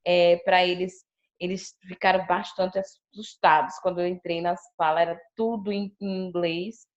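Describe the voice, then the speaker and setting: This teacher's voice sits a bit low and moves at a measured pace as she shares classroom stories on a video call, her Brazilian Portuguese accent clear. She's chatty and animated, imitating her pupils' remarks, and the video call sound is dull and lo-fi.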